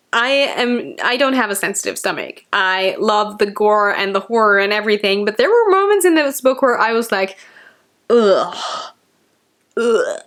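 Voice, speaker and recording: A woman hosting a casual book review vlog, chatty and excitable, speeding up when she gets excited. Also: mid-range voice.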